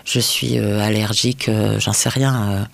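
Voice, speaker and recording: A man's voice: fairly low pitch, fairly even intonation, moderate pace, creaky, a bit bright. A man from France, a restaurant chef, answering interview questions in a thoughtful, hesitant way with many fillers.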